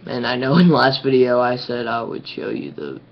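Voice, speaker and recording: A man's voice: mid-range voice, big pitch swings, brisk. A teenage boy casually retelling a comic story over a webcam, rambling with lots of ums and likes. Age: teens. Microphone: webcam mic. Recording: dull lo-fi webcam audio with faint hiss.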